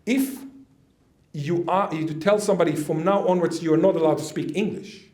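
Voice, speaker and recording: A man's voice: on the high side, normal speed, a little mellow. Man giving a chatty lecture in an echoey hall. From Israel. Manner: chatty, with jokes and asides to the audience. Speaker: conference speaker. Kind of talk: lecture to an audience.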